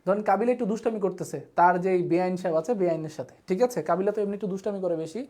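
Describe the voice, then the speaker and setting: In a racing, mellow, medium-pitched voice, an online tutor leads a live geography lesson. She frequently asks if her students have understood and slips in playful memory tricks.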